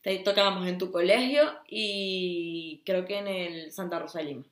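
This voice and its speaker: A woman's voice: lowish voice, normal speed, roomy sound. A young woman with a Venezuelan accent co-hosting a casual podcast, telling stories with lots of laughter. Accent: Venezuelan Spanish. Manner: animated storyteller, laughs often. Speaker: podcast co-host. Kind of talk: casual chat. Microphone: mic with garlands.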